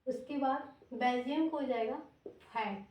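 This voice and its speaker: A woman's voice: sits high, measured pace, a little mellow. A woman teaching memory tricks in Hindi with a Bihari accent, repeating each word over and over as a drill. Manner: repetitive, chanting drills. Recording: roomy, from a distance.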